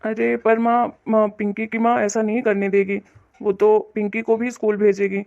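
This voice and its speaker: A woman voicing a grown son in an animated cartoon, a mild shopkeeper who placates his mother. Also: mid-range voice, moderate pace, gravelly, natural voice. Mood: placating. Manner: placating, reasonable. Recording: dull lo-fi audio.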